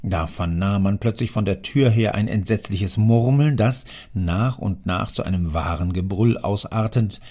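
A man narrating classic prose in an audiobook with a measured storytelling manner and a gravelly, husky voice. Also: lowish voice, warm tone.

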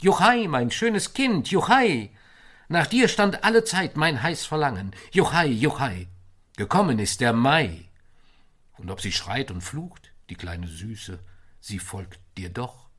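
Male poetry reciter: husky, mid-pitched, dramatic swells and hushed drops. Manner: expressive, swelling and dropping in volume.

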